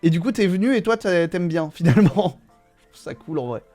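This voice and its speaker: Male streamer, slightly raised pitch, relaxed and profane, reading chat live. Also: brisk, soft background music. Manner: relaxed, swears, laughs often, talks to chat.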